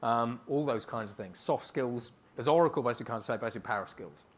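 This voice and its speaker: On stage in a conference hall, a male keynote speaker with a medium-pitched voice answers briskly and emphatically, rattling off lists.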